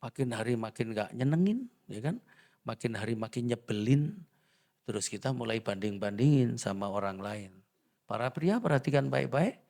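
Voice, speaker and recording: Animated male pastor with gravelly voice. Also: mid-range voice, normal speed. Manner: animated storytelling, acts out dialogue, jokes with the congregation. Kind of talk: sermon with humorous personal stories.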